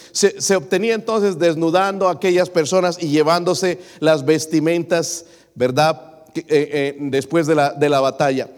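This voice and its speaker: A man preaching a sermon as pastor, addressing his congregation as brothers and putting questions to them. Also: a little high. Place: church. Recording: long reverb of a hall.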